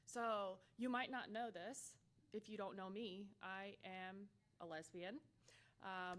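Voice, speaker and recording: A woman's voice: mid-range voice, a bit bright. A woman giving a conference workshop talk, candid and humorous with playful asides. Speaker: workshop presenter.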